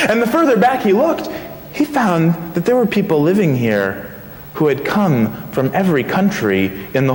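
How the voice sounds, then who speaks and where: Male minister-storyteller, high voice, playful; recorded in a church hall with long reverb. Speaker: intern minister. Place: large church sanctuary.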